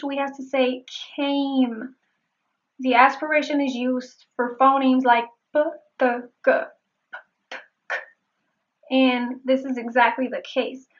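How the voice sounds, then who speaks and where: A woman accent coach teaches pronunciation in a high voice, slowly and carefully. She repeats single words to demonstrate each sound. The recording is slightly dull and muffled. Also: steady tone, a bit bright. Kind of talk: pronunciation lesson.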